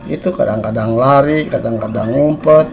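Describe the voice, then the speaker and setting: A man's voice: mid-range voice, normal speed, creaky, a little mellow, muffled recording, faint music behind. A man telling a spooky village story casually, rambling with many restarts. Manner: rambling, with frequent restarts and repetitions. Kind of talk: casual spoken horror storytelling.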